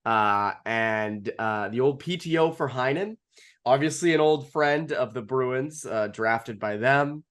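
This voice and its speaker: A man co-hosts a casual sports podcast with a dry, joking manner. His voice sits at a medium pitch. He fills gaps with "uh" and often restarts his sentences. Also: a little slow, fairly bright tone. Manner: wry, full of fillers and restarts, dry jokes. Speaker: podcast co-host.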